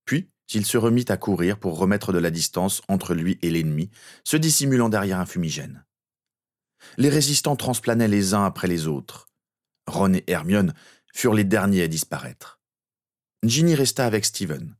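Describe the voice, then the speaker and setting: A man narrating a fan-fiction story as an audiobook in a steady, earnest way. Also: deep voice, normal speed.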